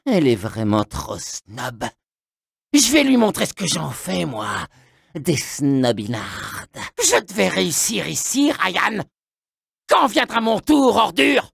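A raspy, unhinged burned splicer. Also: male voice, high-pitched, dry recording, studio quality, full character voice. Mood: bitter muttering. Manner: swings between ranting shouts and muttering. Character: unhinged burned male splicer, paranoid and volatile. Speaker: video game character voice. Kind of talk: game voice acting.

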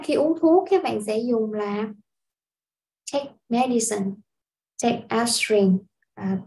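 A woman from Vietnam teaching a casual language lesson, explaining step by step in an unhurried way with frequent filler sounds. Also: on the high side, darkish tone, low-quality recording. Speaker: English teacher.

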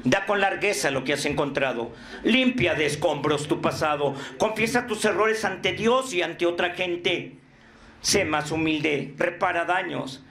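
A middle-aged man with a Mexican accent giving an impassioned, profanity-laced motivational talk at a recovery group, bursting into shouts. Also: fairly high pitch, measured pace. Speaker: speaker at a recovery group program.

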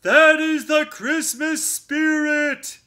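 A man voicing a gruff, pompous male bear in a children's storybook reading, booming and stern. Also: sing-song, takes it slowly, sharp tone, exaggerated voice.

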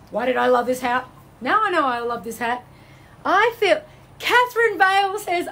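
An Australian woman hosts a live stream as a psychic medium, reading viewer comments with bubbly, effusive energy. She swings between high exclamations and low, soothing tones. Her voice is a bit bright, with slight background noise.

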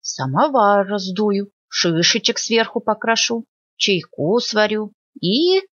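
A woman voicing a kindly old male wolf in a storybook reading, drawing her words out slowly and thoughtfully. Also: mid-range voice, animated, a bit bright, husky, no echo, pitched above the performer's own voice, heavily acted. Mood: musing. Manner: slow, drawn-out, musing. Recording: dull lo-fi dry recording.

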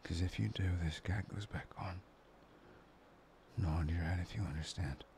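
A man voicing a possessive, obsessive young man in a whispered audio roleplay, murmuring slowly and breathily. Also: deep voice, darkish tone, a little hiss or hum. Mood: menacing. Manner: murmuring, intimate, slow and breathy.

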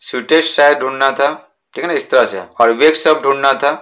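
Bright-voiced man teaching a lesson. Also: medium pitch. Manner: repeats words slowly, asks and answers his own questions. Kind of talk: explaining an English school lesson in Hindi.

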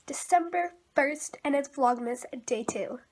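Her voice sits high and she takes her time as the thirteen-year-old rambles through a casual home vlog. Filming happens in rooms of the house on a camera at arm's length or propped up nearby, giving a noisy, handheld sound.

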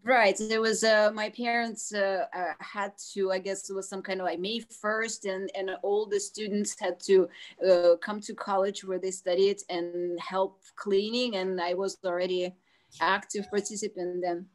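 A woman's voice: medium pitch, level tone, measured pace. A woman from Russia with a Russian accent, telling her life story reflectively as a guest on a video call. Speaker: guest pianist.

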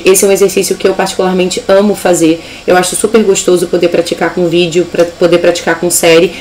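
A woman's voice: on the low side, a little hiss or hum, low-quality recording. A woman with a Brazilian Portuguese accent teaching a live online English lesson, upbeat and explaining step by step.

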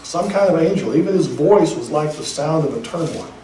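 A man preaching in a mellow, fairly high voice, emphatic one moment and chatty the next. He is heard from a distance in a roomy church hall with audible echo. The delivery is a pastor's sermon. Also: lively intonation, brisk, a little hiss or hum. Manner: emphatic, conversational preaching with speculative asides.

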